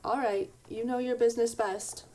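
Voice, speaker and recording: A woman's voice: a little high, fairly even intonation, dark tone, far from the mic, lightly acted. A woman reading as a bewildered revived man. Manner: halting, anxious questions.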